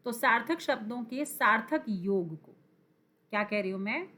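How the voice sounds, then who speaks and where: Teaching at a screen, a woman walks viewers through grammar for exam prep, speaking deliberately slowly in an expressive voice that sits a little high and rings bright. She repeats key words and keeps quizzing her audience.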